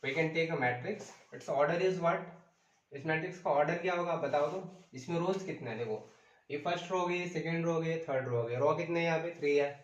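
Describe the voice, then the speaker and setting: A man's voice: a little high, normal speed, roomy sound, lo-fi sound. A man teaching a math lesson, calling out sums, asking the class questions and mixing English into Hindi.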